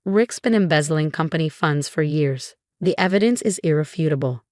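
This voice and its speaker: A woman voicing a calm male colleague who lays out evidence in a matter-of-fact, low voice. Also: normal speed, dry recording, clean studio sound.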